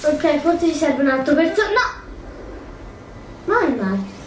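A woman's voice: high-pitched, big pitch swings, takes it slowly. A woman casually commentating her gameplay, thinking aloud, hesitant and correcting herself often. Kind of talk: casual let's play commentary. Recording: roomy, distant mic, faint noise.

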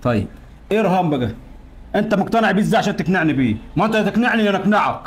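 A man's voice: sits high, lively intonation, rapid-fire. A man playing a middle-aged Egyptian father who lectures and scolds his grown children in a comedy sketch. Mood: stern. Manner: lecturing, reproachful.

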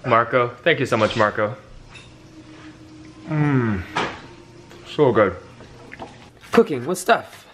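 A young man with a voice of ordinary pitch, talking playfully and chattily to his camera at home. He narrates everything going on around him in a loose, running commentary, with faint noise in the background of his camera recording. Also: lively intonation, slow, pauses often. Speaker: vlogger. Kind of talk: casual home vlog. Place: home kitchen.

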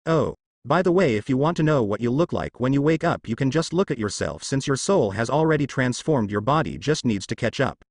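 A man voicing Kami, calm goddess of light. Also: mid-range voice, brisk, few pauses, no room sound, clean studio sound.

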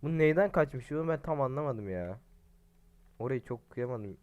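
Smooth-voiced man cursing through a game. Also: mid-range voice, normal speed. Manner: profane, excitable, talks to viewers. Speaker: gaming streamer. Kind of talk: casual let's-play commentary.

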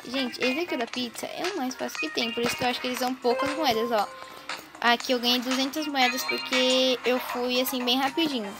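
A woman hosting a gaming channel, chattering excitedly through casual gameplay commentary while constantly talking to her viewers, recorded without her usual microphone. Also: high-pitched, a little fast, over music.

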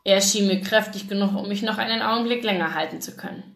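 Woman, German accent, mid-pitched, reads romance aloud with feeling; roomy echo. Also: fast. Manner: expressive first-person reading with acted dialogue. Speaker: reader of a novel. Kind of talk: live reading of a romance novel. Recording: echoey room.

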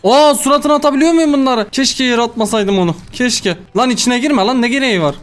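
A man's voice: very high voice, fairly quick, fairly bright tone, smooth. A young man giving casual let's-play commentary on a horror game, jumpy and swearing, talking back to the game at a desk mic. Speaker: gaming YouTuber.

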